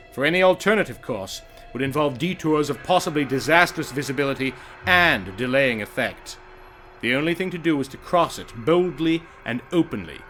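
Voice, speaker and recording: A man narrating a horror story as a dramatic reading, with theatrical, deliberate emphasis. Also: mid-range voice, fairly bright tone. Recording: music behind the voice. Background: music.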